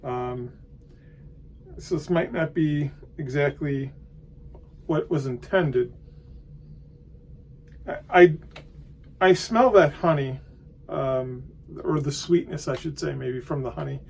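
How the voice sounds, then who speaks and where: A man giving a casual, unscripted tobacco review, hesitant and halting as he thinks aloud. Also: on the high side, vocal fry, a little hiss or hum.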